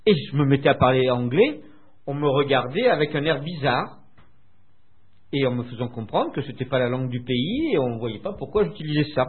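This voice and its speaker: An older French man being interviewed, recalling his past in a hesitant way with many filler pauses, heard over a tinny phone line. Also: medium pitch, husky. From France. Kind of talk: recounting memories in conversation.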